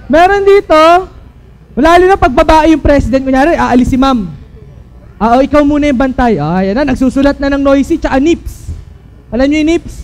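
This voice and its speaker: Guy from the philippines preaching to youth, high voice, jokey and keeps asking the crowd. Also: poor audio. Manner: playful, keeps asking the audience to agree. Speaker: youth speaker. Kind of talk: youth sermon.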